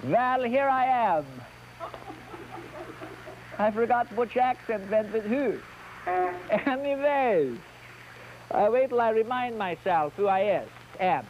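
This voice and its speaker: A man playing a bumbling, boastful Swedish answer man with a mock Swedish accent and broken grammar, delivering jokes slowly on an old TV show. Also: very high voice, lively intonation, slight background noise, full character voice. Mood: deadpan. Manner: slow, deliberate joke delivery with broken grammar. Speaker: children's TV entertainer. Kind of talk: comic question-and-answer routine. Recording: dull old TV recording with music.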